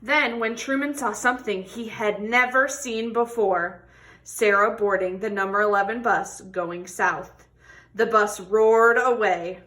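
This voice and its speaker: This storybook reader has a medium-pitched, fairly bright voice and keeps a steady tone at a slightly slow pace. She reads a picture book to children expressively, drawing out words and posing questions to them.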